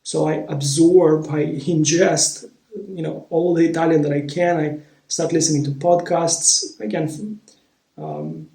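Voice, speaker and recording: A Romanian-born male vlogger tells a personal story slowly and reflectively, frequently pausing as he searches for the right word. His slightly high voice is soft, mellow, and steady in tone, and the room carries a noticeable echo.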